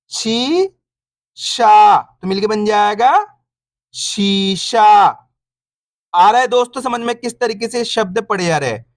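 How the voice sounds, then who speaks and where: A man teaching reading online, sounding out syllables slowly, repeating each word and encouraging viewers as friends. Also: high-pitched, no echo, clean studio sound.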